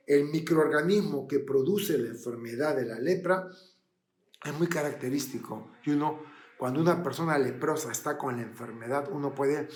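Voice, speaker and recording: Dramatic preacher in a roomy hall. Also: male voice, on the high side. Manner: dramatic storytelling, swinging from hushed to loud. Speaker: pastor. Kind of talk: sermon. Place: church.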